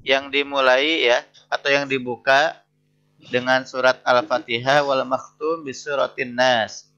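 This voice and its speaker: Gravelly male lecturer, lo-fi audio. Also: medium pitch, little pitch movement, bright, forceful tone. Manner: reads Arabic phrases slowly, then explains each one, keeps asking "betul tidak?". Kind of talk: interactive lesson.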